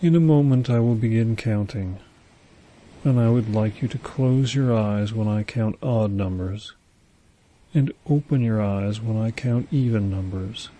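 A man guiding a hypnosis induction, speaking slow, soothing, repetitive suggestions. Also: on the low side, warm tone.

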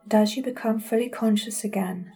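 A woman guiding a listener through a scripted hypnosis session, speaking in a slow, soothing, commanding way. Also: on the high side, vocal fry, mellow, soft background music.

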